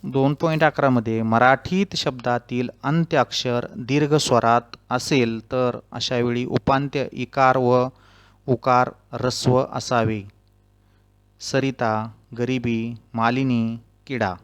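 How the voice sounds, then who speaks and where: Slow, deliberate male grammar teacher. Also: medium pitch, steady tone, smooth, muffled recording. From Maharashtra. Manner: slow, deliberate, reads out rules and spells example words. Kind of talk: Marathi grammar lesson.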